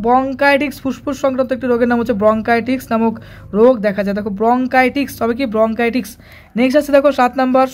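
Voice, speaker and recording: A teacher briskly going through exam answers, repeating each key term and telling students to write it down. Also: medium pitch.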